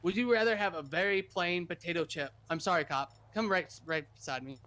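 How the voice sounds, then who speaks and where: A man's voice: high-pitched, a little fast, sharp tone. A man playing a governor in a casual roleplay chat, rambling and repeating himself as he talks over others.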